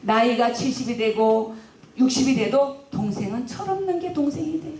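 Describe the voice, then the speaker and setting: A woman voicing a frail, dying old mother who speaks slowly and pleads tenderly, heard in a roomy space. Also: on the high side, mellow, lightly acted. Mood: tender, apologetic. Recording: roomy and distant.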